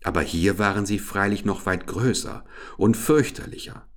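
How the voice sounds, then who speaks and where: A man narrating a fairy tale in a slow, deliberate storytelling manner. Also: lowish voice.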